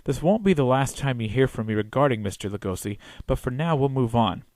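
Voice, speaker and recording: A man's voice: mid-range voice, expressive, brisk, darkish tone, no room sound, clean studio sound. A man narrating a scripted film review as the reviewer, in a wry, opinionated way.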